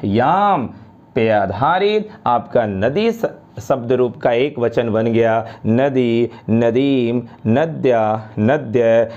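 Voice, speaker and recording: A man teaching a grammar lesson to students, slowly reciting and repeating word forms one by one. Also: mid-range voice, a little mellow, muffled recording. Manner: addresses students directly, repeats each form.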